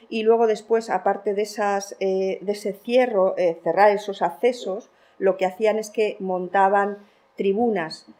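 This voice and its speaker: A woman from Spain giving an academic conference talk, lively, with fillers and laughter between points. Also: mid-range voice. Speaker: lecturer.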